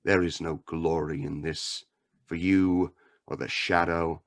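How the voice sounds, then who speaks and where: The Shadow, slow and ominous. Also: male voice, low-pitched, level tone. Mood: solemn. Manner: slow, solemn, theatrical, commanding. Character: commanding, ominous male mystery avenger with hypnotic power. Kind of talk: 1930s radio melodrama acting.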